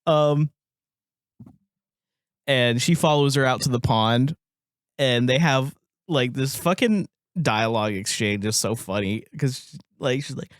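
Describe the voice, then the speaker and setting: Speaking slowly with frequent pauses, this mid-range male voice belongs to a co-host chatting about a movie on a podcast. He laughs often and acts out lines in funny voices, captured in a dry, studio-quality recording.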